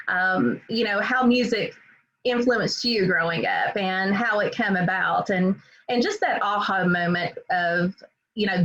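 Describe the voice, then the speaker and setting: A woman's voice: mid-range voice, a bit bright. A woman hosting an online interview, gushing and encouraging toward her guest. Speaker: host. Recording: dull lo-fi sound.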